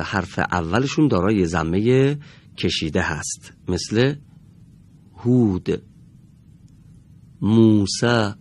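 A man teaching Quran recitation on a radio lesson in a studio, speaking slowly and patiently, modeling sounds and correcting students. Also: lowish voice. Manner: slow, patient, carefully models and corrects pronunciation.

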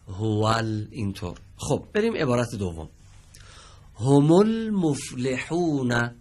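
A man leads a televised Quran reading lesson from a studio with his students. His voice rises and falls a great deal as he explains. He checks their answers patiently and slows right down to spell out each example word. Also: medium pitch. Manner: patient, quizzes students, stretches out example words slowly.

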